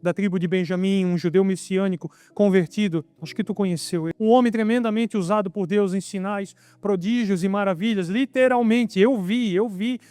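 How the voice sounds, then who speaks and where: High-voiced man preaching. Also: a little fast, few pauses, darkish tone, clear, resonant tone, no room sound. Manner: emphatic, addresses listeners as brother. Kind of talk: sermon testimony.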